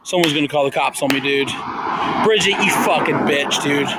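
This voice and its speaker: A man's voice: on the high side, moderate pace, very noisy. A young man vlogging outdoors at night on a phone, frantic and swearing. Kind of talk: panicked prank vlog. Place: dark roadside at night, outdoors.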